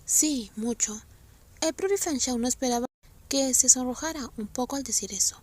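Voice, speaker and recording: A woman narrates a romance novel aloud in a high, light voice. She reads softly, often dropping to a half-whisper. The delivery is steady and story-focused. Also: a little fast.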